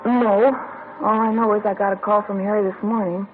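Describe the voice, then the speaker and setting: An actress in a 1950s radio drama plays a guarded female informant, blunt and clipped, in a lightly acted performance. Her medium-pitched voice stays steady at normal speed. The sound is a tinny, lo-fi old radio broadcast with slight background noise.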